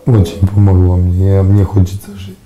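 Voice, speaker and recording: A young man who has lost his voice gives an interview testimonial as a patient, speaking hoarsely in a deep, dark voice with fairly even intonation. Quiet and halting, he often drops to a whisper, recorded on a lapel mic in a studio against a plain dark backdrop, with faint music behind.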